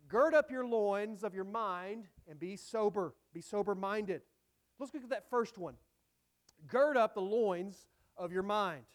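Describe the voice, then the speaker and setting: A man preaching a sermon in an earnest way, with emphatic lines that fall away into soft phrase endings. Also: sits high. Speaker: pastor.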